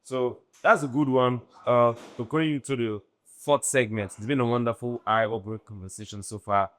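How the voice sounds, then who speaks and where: A man with a Nigerian accent hosting a casual podcast chat, halting and rephrasing his questions as he goes. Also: mid-range voice, steady tone. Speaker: podcast host.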